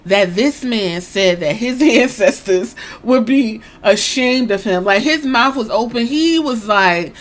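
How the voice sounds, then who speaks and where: A woman excitedly retelling a wrestling press conference in casual, profane storytelling, acting out what each man said. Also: a little high, a little slow, few pauses. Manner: excited, swears a lot, acts out quotes.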